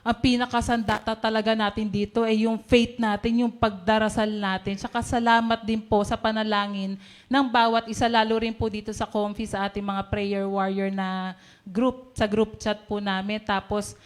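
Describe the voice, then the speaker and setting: A woman's voice: mid-range voice, flat delivery, moderate pace. A woman giving a cheerful testimony at a prayer meeting. She laughs often and acts out what she said to others. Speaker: church member giving testimony.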